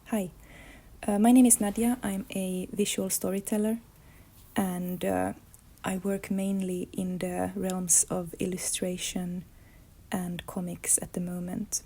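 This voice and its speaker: This Finnish illustrator and comics artist, a native Swedish speaker, reflects on her life story in a monologue. Her gravelly voice is even, lowish and unhurried, and she pauses thoughtfully to find her words.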